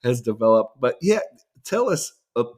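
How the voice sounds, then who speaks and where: A man hosting a conversational podcast interview, friendly and halting, with many fillers and restarts. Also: mid-range voice, very animated, darkish tone. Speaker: podcast host.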